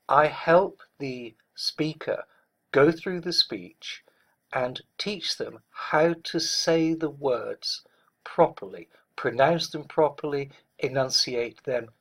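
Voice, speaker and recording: Slow, husky male speech coach. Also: mid-range voice, a bit bright. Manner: measured, deliberate, stresses words clearly. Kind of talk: instructional talk.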